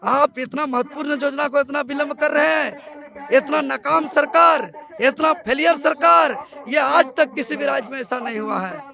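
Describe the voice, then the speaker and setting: A man leading a protest, shouting slogan-like accusations at the government to the press. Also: extremely high pitch, normal speed, vocal fry. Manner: shouting, repetitive slogan-like lines. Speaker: protest leader speaking to press. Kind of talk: fiery protest speech. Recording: crowd noise behind.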